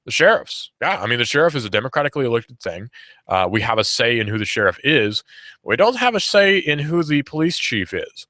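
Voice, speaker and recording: Speaking into a studio mic with no echo, this late-teen radio host has a mid-range, sing-song voice that's a little fast and sharp. His talk is sarcastic and combative, and he hammers his points home by saying them again.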